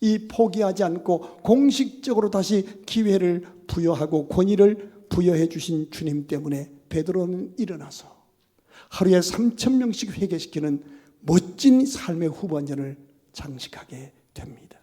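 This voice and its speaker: A man preaching a sermon as pastor, swinging from hushed near-whispers to loud, emphatic exhortation. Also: high-pitched, normal speed.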